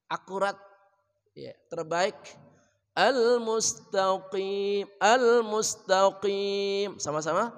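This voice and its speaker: A high-voiced Indonesian-accented man leads a recitation lesson in a mosque, chanting verses slowly and then dropping into quiet, rapid explanation. His voice rings out in the long echo of a large hall. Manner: chants verses melodically, then explains pronunciation softly and quickly. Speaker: Quran teacher.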